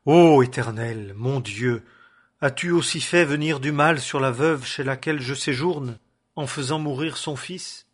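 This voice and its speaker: Élie, a fervent prophet, read by a husky man. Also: medium pitch, unhurried, fairly bright tone. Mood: imploring. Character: solemn male prophet, stern and fervent.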